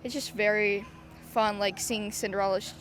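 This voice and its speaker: A woman cast member outdoors, answering quietly with many "like"s. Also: mid-range voice, fairly even intonation, normal speed, faint music behind. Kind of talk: casual interview answers. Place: outdoor theatre stage.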